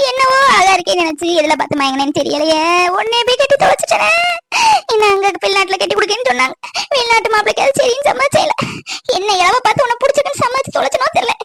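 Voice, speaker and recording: A cartoon performer voicing a sharp-tongued young wife who rants and scolds her husband in a high, sped-up cartoon voice. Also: creaky, heavy background noise, heavily acted. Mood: scolding. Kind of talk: cartoon voice acting.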